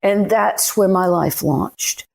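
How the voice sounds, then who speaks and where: Middle-aged Southern woman, guest author, emphatic storyteller with a gravelly edge. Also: medium pitch, slow pace, darkish tone. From Anderson, South Carolina. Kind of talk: storytelling interview.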